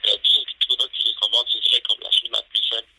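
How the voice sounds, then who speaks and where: Husky man coaching over the phone. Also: mid-range voice, flat delivery, quick pace, sharp tone. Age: 30s. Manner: repetitive, peppers talk with "right?". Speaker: fitness coach guest. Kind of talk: casual interview over the phone. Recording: phone line.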